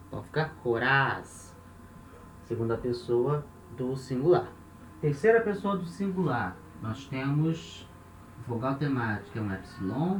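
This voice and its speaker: A man's voice: medium pitch, recorded from a distance. Brazilian man teaching in an echoey room. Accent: Brazilian Portuguese. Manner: explains step by step, counting aloud, with frequent checks like "né?". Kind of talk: classroom lesson at a board. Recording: roomy echo, off-mic, faint hiss.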